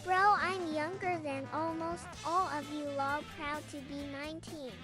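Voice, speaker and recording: A synthetic woman's text-to-speech voice reading out viewer chat messages in a flat, even way. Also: high-pitched, measured pace. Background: background music.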